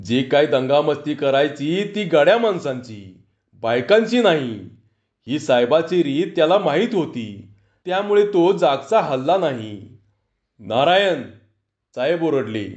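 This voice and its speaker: A man's voice: fairly high pitch, sing-song, measured pace, darkish tone. A male storyteller reading a humorous story aloud, narrating expressively between acted voices. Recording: dull lo-fi recording.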